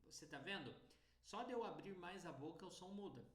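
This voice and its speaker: A man from Brazil with a Brazilian Portuguese accent, a teacher explaining pronunciation slowly and deliberately in a lesson podcast. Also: high-pitched, lively intonation, echoey room.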